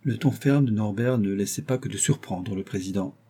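A man narrating a classic novel as an audiobook in a steady, literary manner. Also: lowish voice, moderate pace.

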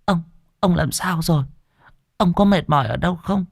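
A man voicing a shrill, frantic village wife who calls out loudly. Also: normal speed, creaky, no room sound, studio quality. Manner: calling out loudly, anxious.

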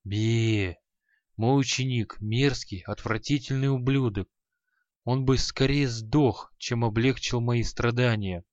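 A sour, grumbling old sorcerer, as a male reader puts him on scoffs in a lowered, muttering voice. The audiobook sounds dull and lo-fi. The booth is dry, with no echo. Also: slow, a little mellow, natural voice. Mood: scornful. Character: grumpy dead old male sorcerer, spiteful teacher.

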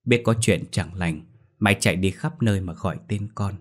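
A man narrating a scripted horror story in a steady storytelling manner. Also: low voice, normal speed.

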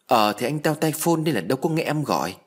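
A man's voice: on the high side, fast talker, voice pushed up. A man voicing a breezy, carefree young husband. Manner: relaxed, breezy, dismissive. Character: cheerful easygoing young husband.

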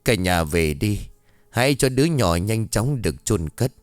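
Guy putting on a grim old shaman man, low heavy voice, warning tone, dry close sound. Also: very animated, unhurried, no room sound, faint music behind. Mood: stern warning. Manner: grave, warning. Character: stern old male shaman elder.

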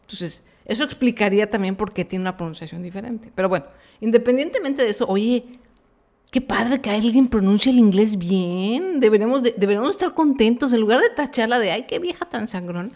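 A woman's voice: on the high side, expressive, a little fast, darkish tone. Chatty Mexican woman podcast host. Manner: chatty, frank, uses slang and fillers. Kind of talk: casual chat monologue.

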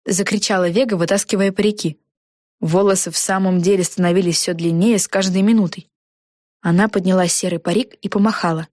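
A woman narrating a children's storybook in an even, clear manner. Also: medium pitch, a little fast, dry recording, studio quality.

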